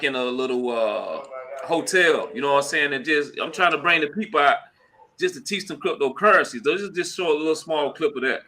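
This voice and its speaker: Bright-voiced dude chatting on his live stream at the laptop mic, slangy, lots of shout-outs. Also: fairly high pitch. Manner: slangy and chatty, full of "you know what I'm saying" and shout-outs. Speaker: host of a crypto live stream. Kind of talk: casual live-stream talk. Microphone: computer mic at a laptop.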